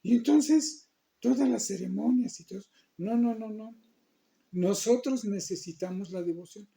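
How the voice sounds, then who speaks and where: A man telling a story in a gentle, unhurried, explaining manner. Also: sits high, creaky. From Mexico. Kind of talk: storytelling to a listener.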